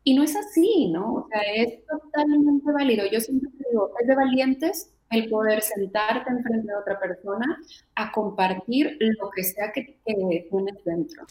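Expressive woman in an echoey room. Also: fairly high pitch, a little slow. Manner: warm, expressive, acts out examples with lively voices. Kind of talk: conversational interview.

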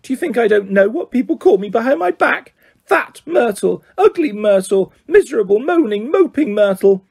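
A man's voice: sits high, huge pitch swings, moderate pace, hardly any pauses, warm tone, slightly rough, heavily acted. A man voicing a sulky, weepy ghost girl. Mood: sulky tearful. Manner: sulky, tearful.

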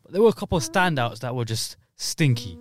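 A man's voice: medium pitch, animated, fairly quick. A man, bluntly airing frustration in casual football chat. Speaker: podcast co-host.

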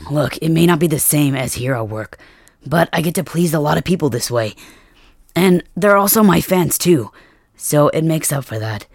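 A performer voicing a brash, cocky adult man who is caring underneath, in a soft-spoken whispered role-play with mild cursing. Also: medium pitch, expressive, moderate pace, vocal fry, no room sound, clean studio sound. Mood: defensive.

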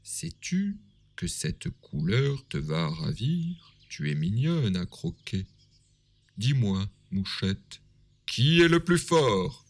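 A man voicing a boastful big bad wolf in a storybook reading, loud and swaggering. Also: fairly low pitch, big pitch swings, slow, exaggerated voice. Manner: loud, swaggering, self-satisfied.

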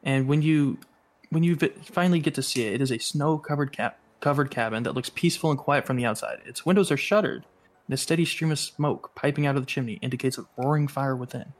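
A man's voice: medium pitch, fast. A man narrating and running a tabletop role-playing game as game master, describing scenes plainly.

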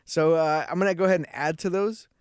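A man's voice: a little high, fairly even intonation, fast talker, clear, resonant tone, dry recording, studio quality. Laid-back podcast co-host, a man. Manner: laid-back, trails off and restarts often. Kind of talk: casual chat.

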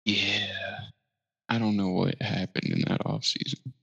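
Slow, gravelly man in an echoey room. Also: fairly low pitch, level tone, bright, forceful tone. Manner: laid-back, swears, laughs often. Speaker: podcast co-host. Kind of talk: casual sports chat. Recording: roomy echo, dull lo-fi sound.

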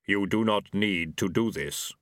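A man voicing Death, slow and grave. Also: on the low side, a bit bright, dry recording, clean studio sound. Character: Death, solemn slow-spoken male personification.

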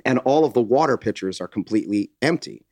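A man telling a story in casual conversation, animated and chatty. His pitch is average but moves a lot, climbing sharply when he gets excited. The sound is dry and close to the mic. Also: fast talker, no room sound. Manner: animated anecdote teller, voices rise with excitement. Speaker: podcast co-host.

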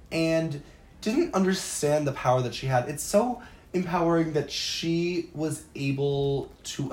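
Brief: female co-host, low pitch, eager casual chatter, echoey room. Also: a little mellow. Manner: gushing, fills speech with "like". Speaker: podcast co-host. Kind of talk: enthusiastic casual chat.

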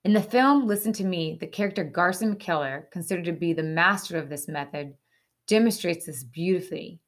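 Presenting a brief educational piece, a fairly low-voiced woman reads her script in an earnest, teaching tone and at a fairly quick pace. Every so often she adds a casual aside or poses a rhetorical question.

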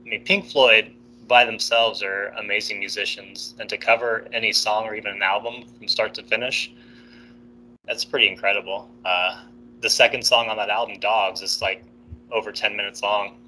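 A man's voice: on the low side, fairly even intonation, moderate pace, pushed and bright, a little hiss or hum, rough recording. A man co-hosting a music podcast, chatting in an easygoing, enthusiastic way. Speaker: podcast co-host. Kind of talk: casual music podcast chat.

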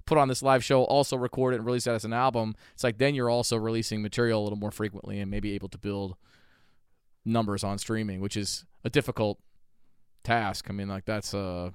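A man hosting a podcast interview, relaxed and thinking aloud as he talks. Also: fairly low pitch, a little fast, smooth, no echo, clean studio sound. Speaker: podcast host. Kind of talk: casual interview chat.

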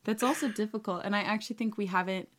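A woman's voice: mid-range voice, fairly even intonation, quick pace. A woman co-hosting a podcast in casual banter, teasing with playful mock earnestness. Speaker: podcast co-host.

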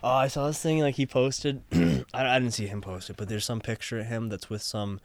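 A man's voice: mid-range voice, fairly even intonation, brisk, dry recording. A man co-hosting a podcast, joking crudely, swearing and laughing along. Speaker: podcast co-host. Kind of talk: crude casual banter.

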